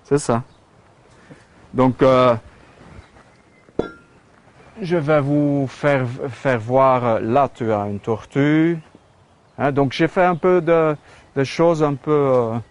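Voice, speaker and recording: Showing off his metal sculptures on a casual studio tour, this Dutch-speaking Belgian talks in French with a Flemish accent, hesitating and filling in with restarts and fillers. He speaks slowly in a mid-range voice, pausing often.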